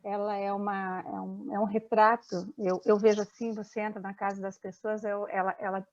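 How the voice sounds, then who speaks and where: A woman's voice: mid-range voice, flat delivery, normal speed, darkish tone. A woman giving a hesitant, reflective comment in a group discussion, often restarting her sentences. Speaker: meeting participant. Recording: muffled lo-fi audio.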